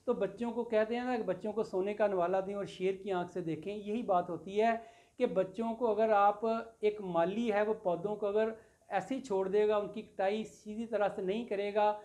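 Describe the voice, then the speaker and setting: A woman's voice: medium pitch, mellow. Woman teacher explaining line by line. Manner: explains line by line, repeating and glossing English words, addresses students as "beta". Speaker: English teacher. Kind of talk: classroom lecture explaining a poem.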